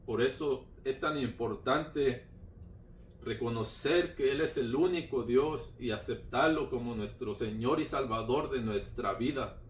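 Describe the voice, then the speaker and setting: A man's voice: mid-range voice, slight background noise. A man giving a personal religious testimony, retelling it fervently with lots of repetition. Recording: roomy sound from a distant mic.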